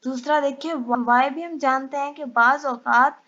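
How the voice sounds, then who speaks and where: A woman teaching an English lesson, explaining patiently step by step and reading English definitions slowly. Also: high voice, steady tone, sharp tone, muffled recording.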